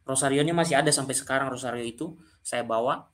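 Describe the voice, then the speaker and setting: A man's voice: mid-range voice, fast, a bit bright. A man telling a personal story to his viewers as a channel commentator, often speaking directly to the audience. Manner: addresses listeners directly and often.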